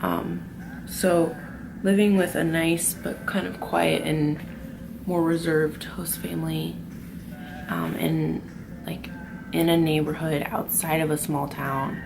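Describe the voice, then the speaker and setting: A young woman vlogging casually at her night job, talking softly and half in a whisper, swearing now and then. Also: low voice, gravelly, poor audio. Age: young adult. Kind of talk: casual confessional talk. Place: group home at night, indoors.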